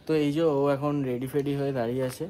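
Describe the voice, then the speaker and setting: Young male vlogger, quick casual delivery, mellow tone, faint background noise. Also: medium pitch, fairly even intonation. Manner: chatty, addresses viewers directly. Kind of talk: casual couple vlog.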